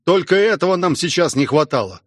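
A man voicing a gruff, wry veteran male station commander in an audiobook, talking in an unhurried way. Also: a little high, lively intonation, no room sound, studio quality, pitched above the performer's own voice. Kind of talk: audiobook character voice.

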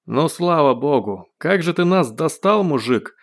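A man voicing a gruff male guard shouting rough, bossy orders through a loudspeaker in an audiobook. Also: a little high, animated, a little slow, voice pushed up. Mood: exasperated. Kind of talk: audiobook character voice.

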